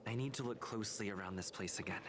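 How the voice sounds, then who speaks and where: A man's voice: fairly low pitch, fast, noisy background, close to an everyday voice. A man voicing an earnest, wary young male hero in an anime-style game. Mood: wary, puzzled. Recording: game dialogue over music.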